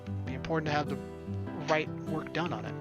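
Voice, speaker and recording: A man with a fairly high voice talks fast while hosting a gaming video, reading visual novel narration aloud and adding wry, casual asides. Game music plays behind his voice.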